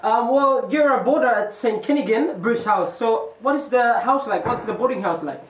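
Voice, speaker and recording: A teenage boy with a New Zealand accent hosts an amateur show for his school boarding house, using stiff, formal interviewer phrases. His voice is notably high and at a normal speed. The mic is distant, so he sounds set back in an echoey room.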